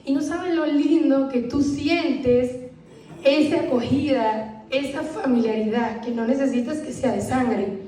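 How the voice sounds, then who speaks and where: A woman's voice: high voice, unhurried, mellow, slight background noise. A woman giving an earnest, emotional personal testimony to a church congregation. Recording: echoey room, voice from far off.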